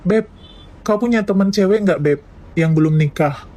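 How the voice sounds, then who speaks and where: A woman's voice: mid-range voice, mellow, lightly acted. A woman voicing a choosy single male civil servant asking a friend to set him up. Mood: picky. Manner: casual, choosy, slow and deliberate.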